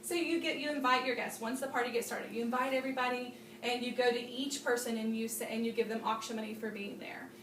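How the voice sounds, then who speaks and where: A woman's voice: a little high, steady tone, fast, hardly any pauses, a bit bright, a little hiss or hum. A woman giving a bubbly, chatty Tupperware party training demonstration to a small group, laughing often. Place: room with guests at a party demo. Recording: roomy sound from a distant mic.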